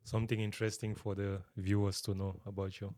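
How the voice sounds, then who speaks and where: A man hosting a podcast, guiding the introductions in a relaxed, unhurried way. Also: lowish voice, no room sound. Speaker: podcast host. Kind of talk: casual interview.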